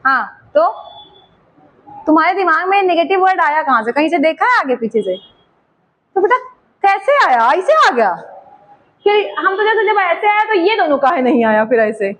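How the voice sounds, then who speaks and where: A woman's voice: very high-pitched, big pitch swings, moderate pace, long pauses, a bit bright, poor audio. A woman teacher with an eastern Uttar Pradesh Hindi accent, teaching a chemistry class and coaxing students with teasing questions.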